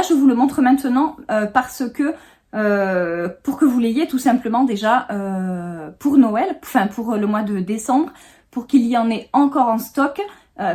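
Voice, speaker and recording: A chatty woman in her thirties with a slightly high voice talks loosely and giggles often, full of little fillers. She sits on a small sofa in her home office and speaks to the camera. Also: darkish tone. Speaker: vlogger. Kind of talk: casual unboxing chat.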